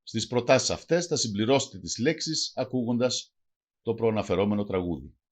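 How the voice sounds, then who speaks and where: A man's voice: on the low side, expressive. A man with a Greek accent reading a language lesson aloud, saying phrases one by one and then translating each. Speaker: language teacher.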